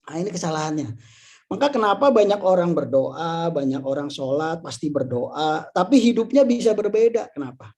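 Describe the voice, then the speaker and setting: Speaking at a normal speed in an animated, somewhat high and slightly mellow voice, this Indonesian-accented insurance agency leader of about fifty delivers a conversational motivational talk. He leans heavily on rhetorical questions and tag phrases.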